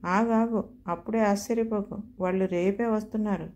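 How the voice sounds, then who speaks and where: A woman with a natural, medium-pitched voice and a darkish tone plays a blunt, teasing big brother. Her intonation is fairly even, her pace moderate, and there's slight background noise.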